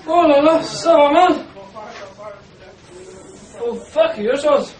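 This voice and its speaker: A woman's voice: fairly high pitch, animated, measured pace. A woman with a Quebec French accent acting a flustered, fussy mother who exclaims a lot. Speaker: amateur stage actor. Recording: echoey room, far from the mic, faint noise.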